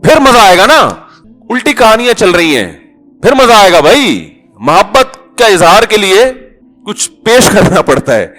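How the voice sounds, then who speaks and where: A male preacher with a somewhat high voice gives a chatty sermon. He drops in rhetorical questions and jokes, and he acts out bits of everyday talk. Faint music plays softly underneath. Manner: conversational, joking, full of rhetorical questions; acts out little dialogues. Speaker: Islamic scholar and preacher.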